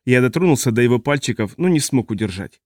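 A man's voice: medium pitch, animated, fast talker, no echo, studio quality, close to an everyday voice. A man reading the part of a badly injured man hanging from a cliff, speaking in a weary, strained voice. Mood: exhausted. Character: injured man clinging to a cliff, exhausted and frightened.

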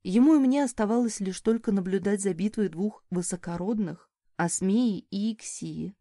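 Woman, audiobook narrator, mellow dark voice, dry close recording. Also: mid-range voice, normal speed, dry recording. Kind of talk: first-person novel narration.

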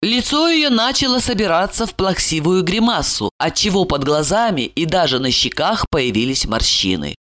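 A woman narrating an audiobook in an expressive, dramatic way. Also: sits low, moderate pace, few pauses.

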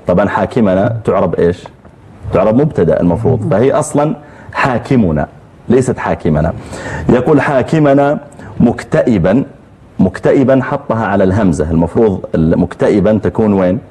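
A man teaching a class of students in a relaxed, joking way. He stops to quiz them and recites poems. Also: fairly low pitch, fairly quick, slightly rough. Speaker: religious teacher. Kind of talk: classroom lecture with poetry recitation.

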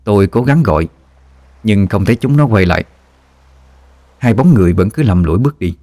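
Deep male storyteller, measured ghost-story read, dry booth sound. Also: expressive, dark tone, dry recording. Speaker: narrator.

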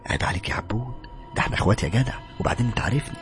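A man voicing a joking, superstitious young male coworker with an Egyptian accent, loud and excitable. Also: lowish voice, rapid-fire, music in the background, voice pushed up, close to an everyday voice. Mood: teasing. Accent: Egyptian Arabic.

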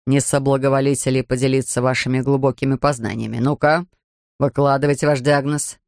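A man voicing a pompous older male surgeon, gruff and sarcastic. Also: mid-range voice, fairly even intonation, a little slow, dry recording, studio quality, voice pushed down, close to an everyday voice.

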